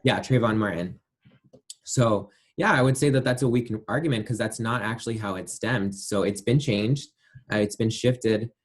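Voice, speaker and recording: A man's voice: fairly low pitch, normal speed. A man being interviewed, giving his views in a thoughtful, hedging way with many fillers. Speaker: interview guest. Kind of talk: casual interview answers.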